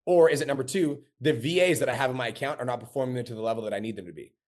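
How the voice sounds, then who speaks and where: A business coach teaches a live coaching webinar in a medium-pitched voice at a rapid-fire pace. He's blunt and casual, swearing frequently.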